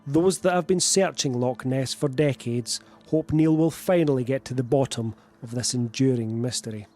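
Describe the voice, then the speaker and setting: A male reporter narrates a news feature from a script. His pitch is average for a man, with music underneath. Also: moderate pace, a little mellow.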